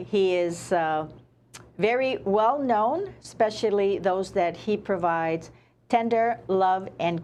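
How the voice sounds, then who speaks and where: A woman hosting a talk show, speaking hesitantly with frequent pauses as she interviews a guest. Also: lowish voice, a little hiss or hum. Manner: hesitant, many uh fillers, warm praise. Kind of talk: casual interview.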